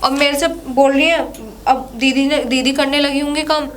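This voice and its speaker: A woman's voice: high-pitched, fairly even intonation, normal speed, a bit bright, a little hiss or hum. A woman playing an aggrieved young daughter-in-law complaining to her father-in-law in a village comedy skit. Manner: complaining, pleading.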